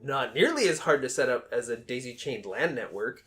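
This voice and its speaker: A man in his thirties with a Boston accent chats loosely on a gaming podcast. He rambles through his points and pokes fun at himself as he goes. His pitch sits in an ordinary middle range. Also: lively intonation, moderate pace, fairly bright tone. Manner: joking, rambling, self-deprecating. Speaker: podcast co-host. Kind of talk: casual chat.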